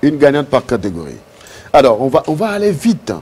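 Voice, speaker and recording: A man presenting a live TV event, talking in a hurried, repetitive, excitable way. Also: mid-range voice, slightly rough.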